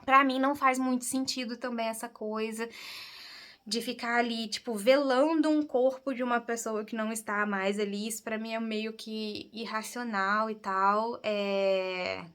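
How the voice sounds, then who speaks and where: A woman's voice: on the high side, flat delivery, a little slow, fairly bright tone. A woman with a Brazilian Portuguese accent hosting a podcast, thinking aloud in a candid, reflective casual monologue. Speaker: podcast host.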